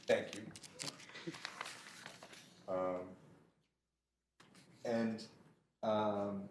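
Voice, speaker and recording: A man chairs a policy meeting at an unhurried, halting pace, filling gaps with ums. He sounds set back from the microphone in a roomy space. A steady hiss of noise sits under his voice. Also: lowish voice. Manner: slow, hesitant, many ums. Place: school office meeting room. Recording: roomy, distant, noisy meeting room mic.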